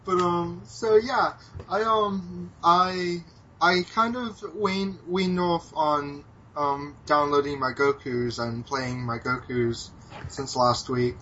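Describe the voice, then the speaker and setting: A man's voice: fairly high pitch, fairly even intonation, takes it slowly, sharp tone, dull audio, slight background noise. An American man co-hosting a podcast, chatting casually, hesitant with many ums and restarts, swearing now and then. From United States. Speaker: podcast co-host. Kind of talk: casual chat about video games.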